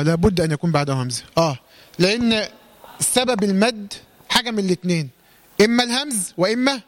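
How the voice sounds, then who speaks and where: High-voiced Egyptian man teaching recitation. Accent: Egyptian Arabic. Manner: poses questions and answers them himself, drawing out recited words slowly. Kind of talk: classroom tajweed lesson.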